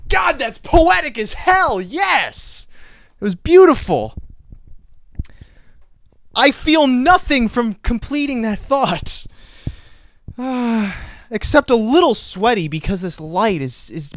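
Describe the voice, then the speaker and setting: Animated high-voiced young man hosting. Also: slow pace, pauses often, no room sound. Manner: theatrical, self-mocking, swings into silly voices. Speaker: host. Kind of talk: goofy banter on a racing podcast.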